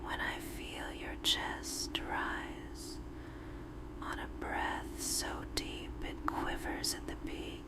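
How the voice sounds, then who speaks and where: A woman in a whispered role-play as a tender, devoted girlfriend, speaking soothingly in a breathy, unvoiced whisper with drawn-out pauses. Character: tender, devoted girlfriend lulling her lover to sleep.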